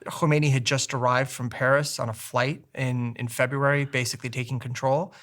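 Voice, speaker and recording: A man in his forties speaks as an interview guest with a mid-range voice. He recounts his background reflectively, pausing to rephrase as he goes. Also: mid-range voice, little pitch movement, a bit bright. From United States. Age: 40s. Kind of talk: personal storytelling in interview.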